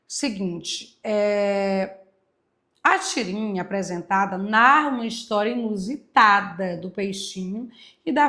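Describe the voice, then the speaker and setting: A woman teacher walking through exam answers, emphatic, stretching key words out slowly and answering her own questions. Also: mid-range voice, fairly bright tone. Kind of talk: exam walkthrough lesson.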